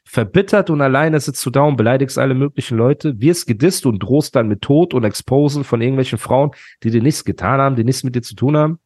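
A man's voice: mid-range voice, fast, hardly any pauses, a little mellow, dry recording. Guy ranting on his podcast, worked up and slangy, dry mic. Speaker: podcast host. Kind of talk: casual podcast chat.

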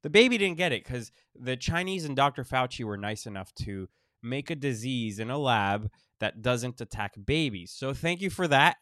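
A man hosting a casual podcast monologue, wheezy and short of breath while recovering from illness, halting with pauses and repeated phrases. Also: medium pitch, lively intonation, a bit bright, no echo, clean studio sound. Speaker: podcast host.

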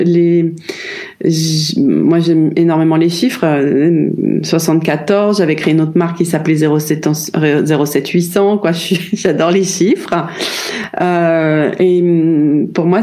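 Hesitant French woman with a dark voice. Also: fairly low pitch, a little slow. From France. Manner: hesitant, many fillers and restarts. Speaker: brand founder, guest. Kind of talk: reflective interview answers.

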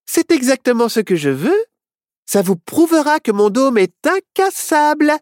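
A woman voicing a bold, boastful little girl witch in a storybook, with a high, excited, squealing voice. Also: a little slow, no room sound, clean studio sound.

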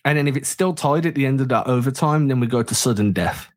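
A man co-hosting a basketball podcast, breaking down the game with quick joking asides. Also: mid-range voice, dry recording. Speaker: podcast co-host. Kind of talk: casual sports chat.

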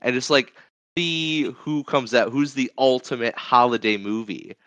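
Speaking a little slowly in a mid-range, fairly bright voice without echo, a man co-hosts a movie podcast. The conversation is casual, and he rambles and repeats phrases along the way.

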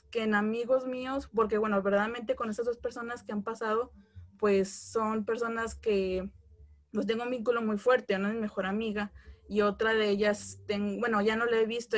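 A young woman with a Mexican accent, calling in and telling a long, rambling story. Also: medium pitch. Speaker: caller. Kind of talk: call-in conversation.

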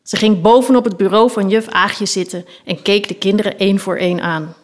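A woman, the author of a children's book, reading a story from it aloud in a lively storytelling manner. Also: mid-range voice, a little fast.

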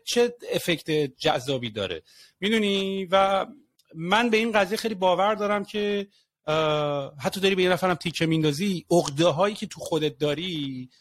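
A man with a noticeably high voice chats on a casual podcast. He tells his stories animatedly, slipping into quick impressions of other people. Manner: animated, storytelling with acted quotes. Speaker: podcast co-host.

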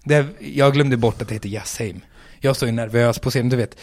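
Animated swearing comedian. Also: male voice, medium pitch, no room sound, studio quality. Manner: animated storytelling, acts out quotes, swears freely. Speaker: comedian telling a story. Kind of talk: casual podcast chat.

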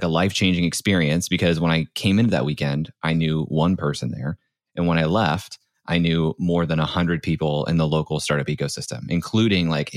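A man's voice: very deep voice, no echo, clean studio sound. A man from the United States giving an informal, conversational account as a podcast guest, often saying "like". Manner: informal, peppers speech with "like". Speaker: podcast guest, startup founder turned creator. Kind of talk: conversational interview storytelling.

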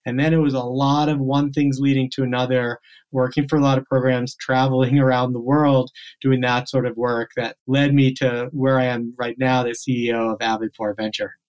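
A man's voice: mid-range voice, flat delivery, brisk, a little mellow, clear, resonant tone. A man in his thirties, born in South Africa and raised near Boston, answering interview questions earnestly with small restarts. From born in South Africa, grew up near Boston. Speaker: podcast guest, outdoor camp CEO.

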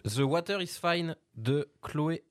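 A man's voice: on the high side, takes it slowly. A young man co-hosting a casual podcast, hesitant as he lists things. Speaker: podcast co-host.

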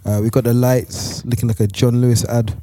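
A man with a London accent co-hosting a podcast, chatting casually and haltingly with some slang. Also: mid-range voice, flat delivery, dark tone, no echo. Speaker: podcast co-host. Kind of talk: casual chat.

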